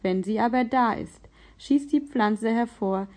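A woman reading the lines of a thoughtful young boy who speaks gently and earnestly. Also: fairly high pitch, close to an everyday voice. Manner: gentle, earnest, halting in prayer.

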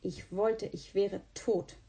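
A woman voicing a sick, exhausted boy who talks in a flat, tired way and mutters. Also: medium pitch, unhurried, vocal fry. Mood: despondent. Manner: listless and muttering. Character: sick, weary, sullen boy.

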